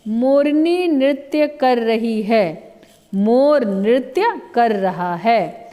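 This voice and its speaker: A woman teacher slowly giving a grammar lesson, patiently explaining each answer with many examples. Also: fairly high pitch, animated, dark tone, big-room sound. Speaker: Hindi teacher.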